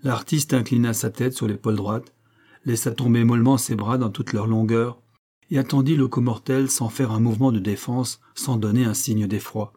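Male audiobook reader, measured storyteller, mellow dark voice. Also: mid-range voice, steady tone. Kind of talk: scripted narration of a classic novella.

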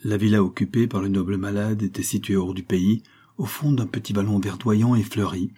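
A man narrating a novel with a low, dark and husky voice. He keeps a steady, even storytelling pace throughout the reading. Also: fairly quick. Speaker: audiobook narrator. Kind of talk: scripted narration.

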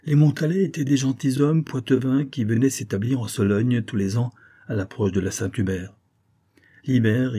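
A man narrating a classic novel in a measured storytelling manner. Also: fairly low pitch, mellow, husky. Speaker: audiobook narrator.

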